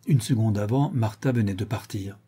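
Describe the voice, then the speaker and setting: A man reading an audiobook, voicing a stern, shrewd woman who questions her servants in a measured, deliberate way. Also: on the low side, warm tone, husky. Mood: cold.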